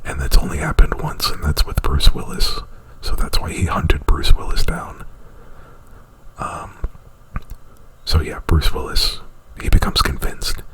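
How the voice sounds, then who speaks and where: An ASMR performer whispers breathily right up against the microphone, rambling through an informal retelling full of "like" and swearing. His voice is extremely low and very animated, a little slow, and the recording is rough.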